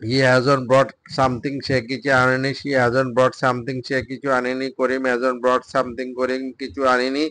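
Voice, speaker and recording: A man, a Bengali speaker, teaching English drills by reading each sentence slowly and then translating it. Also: medium pitch, completely flat delivery, a bit bright, no echo. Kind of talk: spoken English drill lesson.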